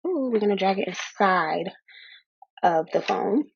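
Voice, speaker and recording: A woman's voice: medium pitch, lively intonation, unhurried, gravelly, lo-fi sound, slight background noise. A woman who runs a small candle business, giving a casual how-to tutorial in a chatty way, calling her viewers y'all, a little out of breath.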